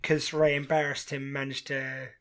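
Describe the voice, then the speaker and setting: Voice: mid-range voice, flat delivery, moderate pace, a bit bright. A podcast co-host in casual chat, talking eagerly about a TV show with frequent restarts. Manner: chatty, enthusiastic, many restarts.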